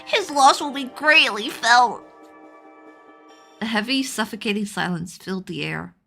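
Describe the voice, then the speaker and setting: Excitable girl streamer doing a lets play, bright high voice, reads lines dramatically, music behind. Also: measured pace, vocal fry. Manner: excitable, theatrical. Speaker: game streamer. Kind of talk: let's play commentary, reading dialogue aloud. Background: video game music.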